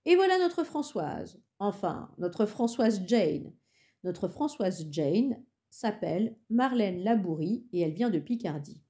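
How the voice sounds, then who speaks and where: A fussy middle-aged male talent agent with a smooth, selling patter, as a woman reads him. Her voice is very dark and mellow, in an audiobook. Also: mid-range voice, sing-song, slow pace. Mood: pitching.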